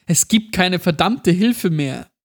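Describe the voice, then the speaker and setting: A man's voice: a little high, expressive, a little slow, darkish tone. A man voicing a tortured little girl in a horror story, speaking in a raised, thin voice that turns bitter and accusing. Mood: enraged. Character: mutilated little girl, weak then enraged.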